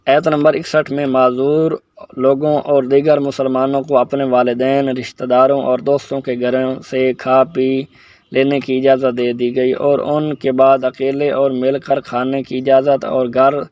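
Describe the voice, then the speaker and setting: A man reads religious commentary in a level, unvarying tone of moderate pitch. His delivery is steady and measured, like recitation. The recording is dry and somewhat muffled. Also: dry recording. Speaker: Islamic presenter. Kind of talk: reading a Quran commentary summary.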